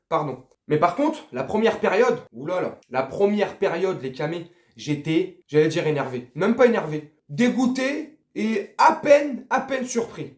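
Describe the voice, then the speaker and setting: A man's voice: high voice, echoey room. A man ranting casually and with profanity about a football match, talking straight to his viewers. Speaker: football vlogger. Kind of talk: casual post-match rant.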